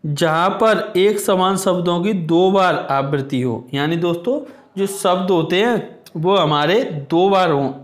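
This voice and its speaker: A man teaching an exam-prep Hindi grammar lesson, explaining patiently and reading examples aloud slowly. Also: a little high, roomy sound. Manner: explains slowly, addresses viewers as friends, reads examples aloud.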